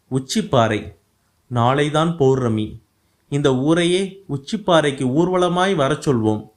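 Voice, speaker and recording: A man voicing a sensitive, poetic young man who speaks in a lofty, declamatory way, read in an audiobook. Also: on the high side. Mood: rallying.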